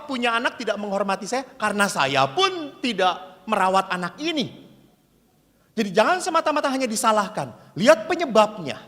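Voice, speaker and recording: Priest guy telling funny stories in a sermon, bright lively voice, long hall echo. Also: very high voice. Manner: lively storyteller who acts out dialogue. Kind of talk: humorous retreat sermon. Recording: reverberant hall.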